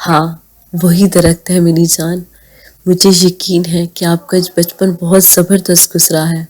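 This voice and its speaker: A woman voicing a gentle, tender mother in a read-aloud audio novel. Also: fairly low pitch, flat delivery, close to an everyday voice.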